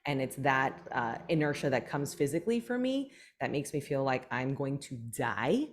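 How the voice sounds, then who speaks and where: A woman hosting a casual podcast conversation, talking in an animated way with many fillers and restarts. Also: very deep voice, moderate pace, slight background noise. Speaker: podcast host.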